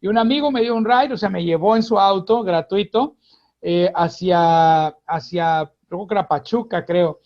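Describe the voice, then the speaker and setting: A man with a Mexican accent, a pastor speaking as a radio guest, preaching in an earnest, halting way that often repeats words. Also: high voice, dull audio.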